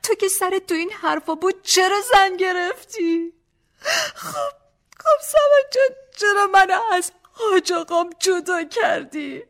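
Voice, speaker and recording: A woman's voice: fairly even intonation, few pauses, fairly bright tone. A woman voicing a tearful young wife. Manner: high, tearful, reproachful pleading. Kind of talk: audiobook character voice.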